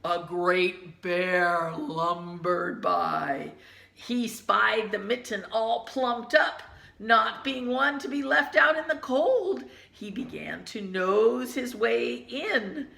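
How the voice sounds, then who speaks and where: A woman teacher reading a children's picture book aloud, gently pausing to point out the pictures in hushed asides. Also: mid-range voice, vocal fry, reverberant.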